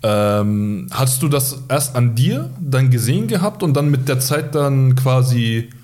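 A man's voice: medium pitch, expressive, measured pace, dark tone. A man hosting a casual podcast conversation, listening attentively and giving many short affirmations. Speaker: podcast host.

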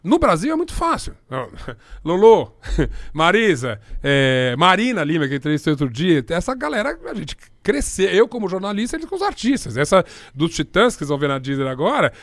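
A middle-aged Brazilian journalist spins stories with a high, lively voice that jumps all over its range. He laughs a lot and slips into the voices of the people he quotes. The sound is dry and close. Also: a little fast, no echo. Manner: animated, laughs often, acts out quoted voices. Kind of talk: anecdotal storytelling in a conversation.

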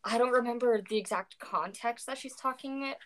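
A young woman co-hosting a casual chat about poetry speaks briskly in a fairly high, fairly bright voice. She sounds tired and rambles, with lots of fillers and self-corrections.

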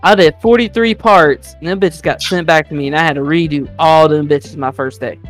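A man's voice: a little high, fairly quick, a bit bright, soft background music. A young man on a casual podcast, telling blunt, profane stories about his job. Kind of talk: casual chat among friends.

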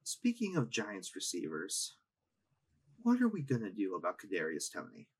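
A man's voice: on the low side, huge pitch swings, normal speed, slightly rough. A man co-hosting a fantasy football podcast, chatting casually, hedging his takes and putting questions to his co-host. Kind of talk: casual chat.

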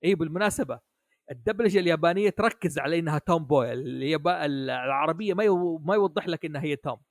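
Man, casual podcast guest, slightly high voice, very dry close sound, halting delivery. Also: lively intonation, no room sound. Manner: hesitant, many restarts, asks "حلو؟" often. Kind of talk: casual chat about an anime.

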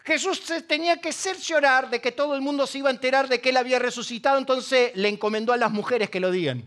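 A man's voice: extremely high pitch, fast talker, a bit bright. A middle-aged man with an Argentine Spanish accent, preaching a sermon with humor and acting out the voices in his stories. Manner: humorous storytelling, acts out voices. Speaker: pastor.

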